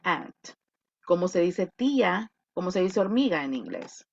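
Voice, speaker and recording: A woman's voice: fairly low pitch, vocal fry, husky. A woman teaching an online English class, mixing Spanish and English and drawing out example words. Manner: lively, switching between Spanish and English, drawn-out model words. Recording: lo-fi video call audio.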